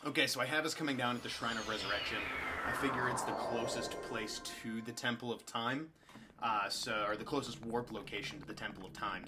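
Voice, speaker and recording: A man giving casual, excitable commentary while playing a game. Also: medium pitch, a little hiss or hum, low-quality recording. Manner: chatty and excitable, many restarts. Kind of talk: casual let's play commentary.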